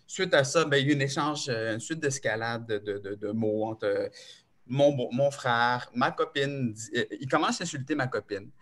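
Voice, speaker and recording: A man with a Québécois accent talks through a painful family story as a caller on a talk show. His delivery is agitated and halting, with frequent restarts and repeated words, in a voice of middling pitch. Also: fairly bright tone. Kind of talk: call-in confession.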